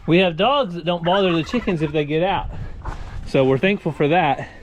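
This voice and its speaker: Speaking at a moderate pace in a higher-than-average voice, this man chats casually for his farm vlog in a folksy, plain-spoken style. The audio sounds dull, and the handheld outdoor farm recording is noisy.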